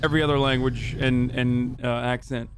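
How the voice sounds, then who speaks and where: A man's voice: mid-range voice, flat delivery, normal speed, background noise. A man streaming, giving casual, joking reaction commentary with rambling asides on a close mic.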